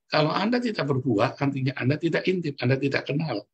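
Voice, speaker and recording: Middle-aged male preacher, husky timbre, emphatic pulpit delivery. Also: on the high side, expressive, fast talker, highs cut off. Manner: emphatic, keeps addressing the congregation as "Saudara". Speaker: pastor. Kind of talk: sermon.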